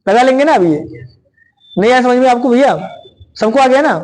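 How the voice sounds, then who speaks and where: A man teaching a classroom of exam students, speaking loudly, repeating himself and checking "right?" after each point. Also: very high-pitched, brisk, rough recording. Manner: loud, repetitive, keeps asking "right?". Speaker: reasoning teacher. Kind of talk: classroom lecture.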